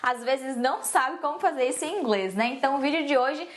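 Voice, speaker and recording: A woman's voice: high-pitched, expressive, fairly quick. A woman teaching English in a casual, playful way, acting out sarcastic example phrases. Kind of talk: casual lesson to camera.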